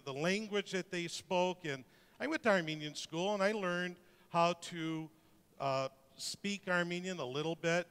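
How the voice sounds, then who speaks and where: A man's voice: high-pitched, a bit bright, clear, resonant tone, in a large hall. A middle-aged man from Detroit, giving a joking, conversational talk with many restarts. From Detroit, USA. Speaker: speaker presenting to an audience. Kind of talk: informal presentation talk.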